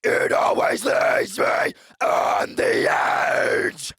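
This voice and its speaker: A man performing as an aggressive metal vocalist, demonstrating harsh, raspy false-cord screams with forceful shouting. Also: no room sound, studio quality. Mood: aggressive, intense. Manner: forceful, drawn-out or rhythmic shouting.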